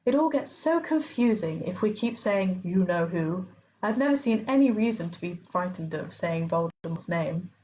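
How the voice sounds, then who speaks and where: A woman voicing a calm, gently amused old male wizard headmaster, in a storybook reading. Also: on the low side, normal speed, highs cut off, a little hiss or hum, close to an everyday voice.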